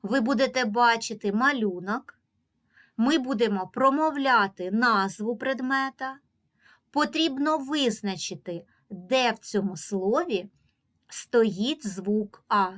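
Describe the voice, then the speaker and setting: A woman with a Ukrainian accent teaching a reading lesson to young children, drawing out each example word slowly and giving patient, clearly paced instructions. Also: fairly high pitch, fairly bright tone. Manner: slow, drawn-out pronunciation of example words.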